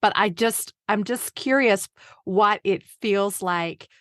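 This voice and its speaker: A woman's voice: mid-range voice, slow, fairly bright tone, no echo. A woman hosting a podcast, asking questions in a chatty, enthusiastic way. Her voice sits in a middle range and the recording is very dry, with no room sound. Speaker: podcast host. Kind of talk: podcast interview.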